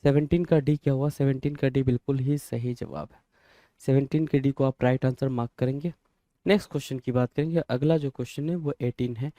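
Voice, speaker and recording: A male teacher, giving an exam-prep grammar lesson, asking questions and answering them himself, and reading example sentences slowly. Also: medium pitch, steady tone, warm tone, dry recording. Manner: reads English sentences slowly and deliberately.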